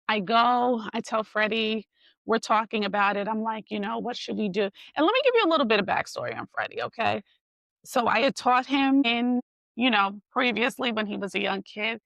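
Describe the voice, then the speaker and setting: Podcast host lady telling a story, gravelly voice, a bit high, keeps saying like and you know, jumps up high for the quotes. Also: dry recording. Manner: lively storyteller who acts out quoted dialogue in higher voices; conversational, with many fillers like "like" and "you know". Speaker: podcast host and golf coach. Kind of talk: personal storytelling monologue.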